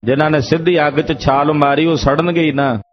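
A man's voice: a little high, fairly even intonation, a little fast. A man preaching a Sikh sermon, explaining each sung verse by repeating its meaning in several phrasings. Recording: lo-fi dull recording.

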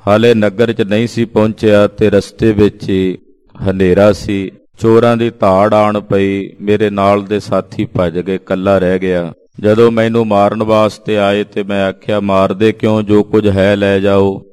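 A man preaching a reverent sermon, retelling a sacred story in a measured way and reciting verses. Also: fairly low pitch, flat delivery, darkish tone, clear, resonant tone. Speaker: Sikh preacher.

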